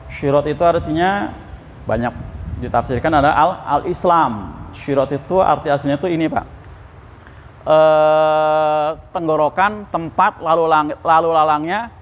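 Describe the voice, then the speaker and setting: A man teaching Quran exegesis at a mosque, questioning his listeners and reciting Arabic verses slowly. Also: on the high side, slight background noise. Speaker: ustadz giving Quran exegesis. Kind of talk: mosque study sermon. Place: mosque hall. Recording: muffled, echoey mosque hall.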